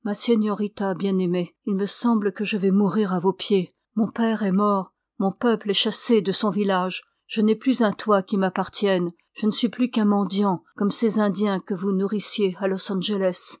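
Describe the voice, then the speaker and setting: A weary young man, broken by loss and bitter underneath, as a woman reads him. He speaks haltingly and in a hushed way, in a mid-pitched voice with a close, dry sound. It is a storybook figure rather than a full character voice. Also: fairly even intonation, no room sound, lightly acted. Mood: grieving, weary. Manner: halting, subdued. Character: young man, exhausted, grief-stricken, bitter.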